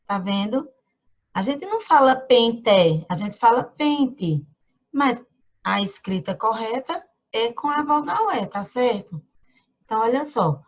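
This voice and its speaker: A woman teaching young children, talking slowly and patiently, stretching out syllables and checking in with frequent tag questions. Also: a little high, animated, dull audio. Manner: drawn-out syllables when sounding out words. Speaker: primary school teacher. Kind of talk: online lesson for young children. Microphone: computer mic during screen share.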